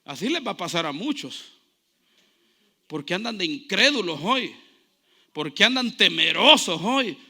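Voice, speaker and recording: A male pastor preaching a sermon with passion. His delivery keeps building up to loud shouts. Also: sits high, big pitch swings, a little slow, pauses often. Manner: impassioned preaching, rising to shouts.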